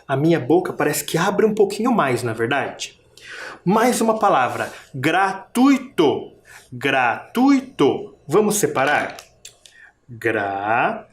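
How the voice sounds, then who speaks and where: A primary school teacher giving a recorded video lesson, patiently stretching words out and sounding out each syllable while asking the children questions. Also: medium pitch. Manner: patient, asks the class questions.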